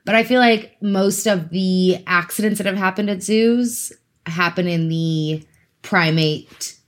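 A woman's voice: mid-range voice, a little slow. Chatty woman hosting a podcast. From South Africa. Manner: chatty and giggly, teasing asides. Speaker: podcast host. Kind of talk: casual true crime podcast chat.

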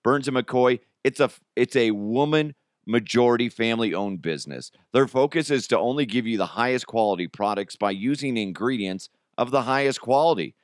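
Here an American man runs his solo comedy podcast in a relaxed, slangy, chatty manner, chuckling along with his own comments. His mid-range voice moves at a moderate pace, captured dry with studio quality.

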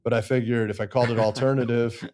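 A middle-aged American man, a songwriter and producer, tells his story as an interview guest, candid and self-deprecating. His medium-pitched voice is warm with little pitch movement, and he talks fast.

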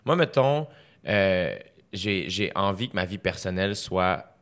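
Podcast host, Québécois man, lowish bright voice, chatty storyteller. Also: animated, a little slow, clean tone. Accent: Québécois French. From Quebec. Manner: chatty storyteller, many fillers. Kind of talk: casual conversation.

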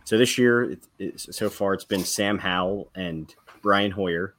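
A man's voice: low-pitched, a little slow, fairly bright tone. A man co-hosting a casual sports podcast, talking directly and quizzing the others. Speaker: podcast co-host.

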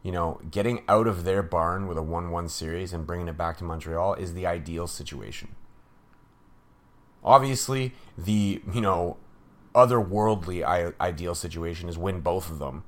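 A man's voice: deep voice, moderate pace. A man hosting a casual hockey recap, giving his opinions in a sarcastic, offhand way with plenty of fillers. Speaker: hockey podcast host.

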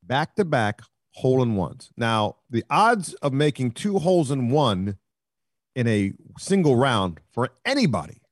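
A man's voice: medium pitch, a little slow, no echo, clean studio sound. Man telling a story on a sports talk show. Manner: rambling storyteller, gets excited and loud. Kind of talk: casual sports chat.

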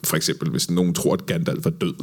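A man hosting a live podcast, telling self-mocking stories in a deadpan way. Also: deep voice. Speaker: podcast host. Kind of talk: casual live podcast chat.

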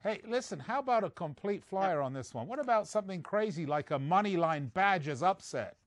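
A man's voice: sits high, animated, brisk, no room sound. A man co-hosting a sports betting show, reading lines and records with jokey asides and puns.

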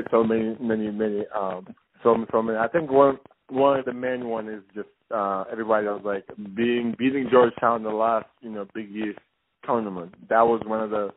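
A young man from Senegal, a former basketball player, talking as a phone-in guest in a halting way with frequent restarts. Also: fairly low pitch. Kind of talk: casual phone interview. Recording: tinny phone line with faint hiss.

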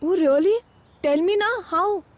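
A woman's voice: very high voice, unhurried. A woman with an Indian accent playing a curious, harried mother in a scripted chat, exclaiming and asking questions in mixed Hindi and English. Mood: curious, impressed. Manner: exclamatory, inquisitive, Hindi-English code-switching. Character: curious, harried mother seeking lunchbox ideas from a friend. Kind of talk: scripted conversational dialogue. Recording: music bed under the voice.

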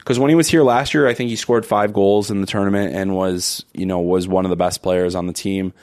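Hoarse, deep-voiced man. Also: fairly even intonation, a little mellow, dry recording. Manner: halting, many restarts. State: hoarse from a cold. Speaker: podcast guest. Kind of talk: casual chat.

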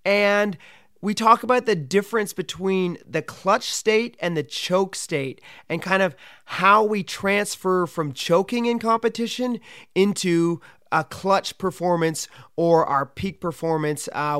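A man's voice: sits high, unhurried, a bit bright, clear, resonant tone, no echo, studio quality. A man hosting a podcast, introducing the show and chatting casually with a guest. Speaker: podcast host.

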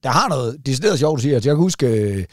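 A man's voice: medium pitch, lively intonation, darkish tone, dry recording, studio quality. A man co-hosting a comedy podcast, talking casually, restarting words and swearing loosely. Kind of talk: casual chat.

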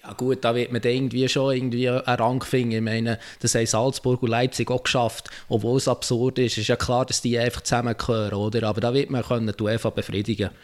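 A man's voice: medium pitch, little pitch movement, quick pace, few pauses. A man with a Swiss German accent arguing casually as a panellist, hesitating and often tagging his statements with a question. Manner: ends statements with tag questions, hesitant phrasing. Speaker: football panellist. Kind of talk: casual discussion.

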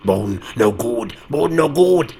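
A man voicing a feral, furry male creature obsessed with bones, chanting short broken phrases in a raspy voice. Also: medium pitch, very animated, takes it slowly, mellow, soft background music, heavily acted. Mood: muttering.

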